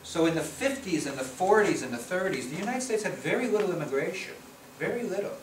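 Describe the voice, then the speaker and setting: A man's voice: sits high, lively intonation, fast, slight background noise. Middle-aged man, echoey room from far off. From Chicago area, US. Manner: conversational, frequent restarts and repeated words. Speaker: policy researcher giving a talk. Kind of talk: conference presentation with slides. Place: meeting room at a conference.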